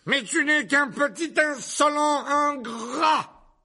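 Guy doing a loud nasty tipsy aunt, gravelly raspy voice, storybook reading. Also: mid-range voice, very animated, unhurried, exaggerated voice. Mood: screaming. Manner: sneering, loud, mocking. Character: boozy bullying stout aunt, woman, middle-aged. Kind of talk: audiobook character voice.

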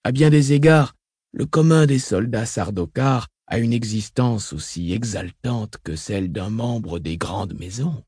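A man voicing a calm, calculating mentat advisor in an audiobook, soft-spoken and reasoned. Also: mid-range voice, a little slow, husky, dry recording, studio quality. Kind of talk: audiobook reading.

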